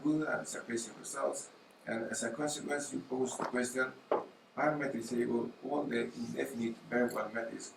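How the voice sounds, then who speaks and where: A middle-aged man who is not a native English speaker, questioning formally and haltingly as an academic examiner at a thesis defense. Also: mid-range voice, vocal fry. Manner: halting, with repeated words and searching pauses. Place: university auditorium. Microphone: gooseneck table microphone. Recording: distant mic in echoey hall, faint noise.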